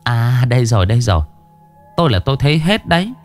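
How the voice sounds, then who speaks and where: A man voicing a boastful, sharp-tongued older female shaman who talks in a shrill, bossy way. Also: sing-song, fast, faint music behind, close to an everyday voice. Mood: knowing.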